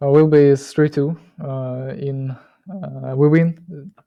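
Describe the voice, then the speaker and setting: Slow halting man. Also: mid-range voice, steady tone, creaky, no room sound, lo-fi sound. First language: Russian. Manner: halting, hesitant, many pauses. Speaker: team commander. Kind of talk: casual interview.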